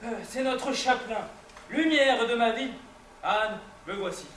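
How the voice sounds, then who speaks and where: Fervent avenging lover, high forceful voice, oratorical verse melodrama, roomy sound. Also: male voice, unhurried. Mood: grieving, resolute. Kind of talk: theatrical verse declamation. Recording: roomy, distant, faint noise.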